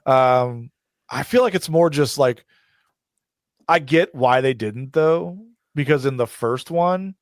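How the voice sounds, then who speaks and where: A man hosting a podcast, retelling film scenes in an animated, casual way, with many ums and you-knows. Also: mid-range voice, slow, no room sound, studio quality. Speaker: podcast host.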